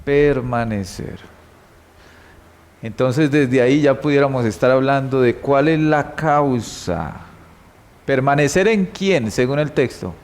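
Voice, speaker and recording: A man's voice: medium pitch, animated, unhurried, darkish tone. A man with a Colombian Spanish accent teaching a church Bible class, reading scripture and quizzing the class with questions and repeated key words.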